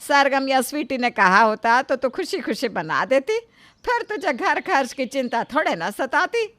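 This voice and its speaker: Woman doing a kindly old mother-in-law, slow and fond, slightly high. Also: big pitch swings, a bit bright, no room sound. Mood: affectionate.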